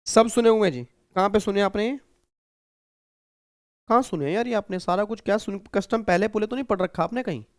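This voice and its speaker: A man's voice: high-pitched, fairly quick, no echo, clean studio sound. A male teacher giving a recorded exam-prep lecture, chatty and repetitive, often checking in with his students. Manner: chatty, repeats himself, keeps checking with students.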